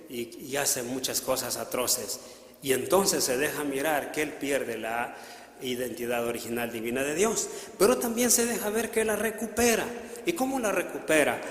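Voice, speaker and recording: Male preacher, emphatic and unhurried, rhetorical questions, echoey church hall with long reverb. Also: fairly high pitch. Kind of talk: sermon retelling a Bible story.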